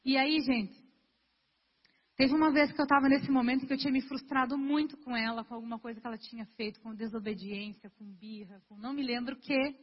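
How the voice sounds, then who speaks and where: A young woman preaches in an earnest, chatty way, often speaking directly to the congregation. Her voice is high and a little husky. It comes through a dull, lo-fi recording with a long reverb from a church hall. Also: steady tone, fairly quick. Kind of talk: sermon.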